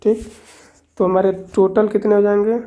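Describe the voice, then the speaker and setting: A woman's voice: medium pitch, flat delivery, moderate pace, narrow, tinny audio. A woman teaching a math lesson, explaining step by step and counting aloud with frequent checks. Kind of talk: explaining on a board.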